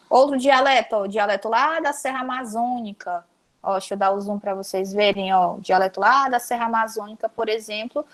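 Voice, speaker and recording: A young woman from Ceará with a Cearense Brazilian accent gives a casual online lesson on a video call. Her voice sits a little high, and she talks to her students in a lively, chatty way, calling them "galera". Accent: Cearense Brazilian Portuguese. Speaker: teacher.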